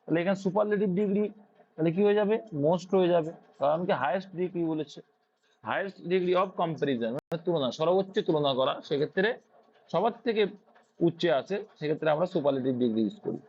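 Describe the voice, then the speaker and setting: A man's voice: on the high side, lively intonation, a little fast, a little mellow. A man with a Bengali accent teaching English grammar as a tutor. He asks questions and then answers them himself. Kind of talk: explaining grammar to students. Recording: dull lo-fi sound.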